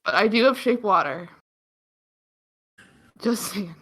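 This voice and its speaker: A woman playing a tabletop game, trading playful jokes with the table. Her voice is bright and animated, with lots of pitch movement. She talks at an unhurried, slow pace. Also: rough recording. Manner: playful, joking banter. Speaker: player. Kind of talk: casual tabletop game chat.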